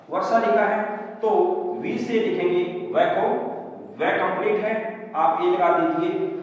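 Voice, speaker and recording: A man's voice: sits high, far from the mic, highs cut off. A man teaching a classroom lesson, explaining spellings step by step and speaking directly to his students. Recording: echoey hall, voice from off-mic.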